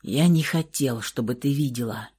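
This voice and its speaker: A woman voicing a wounded ancient male vampire, weak and tender, with a hoarse, hushed voice in an audiobook reading. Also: very deep voice, moderate pace, voice pushed down, exaggerated voice.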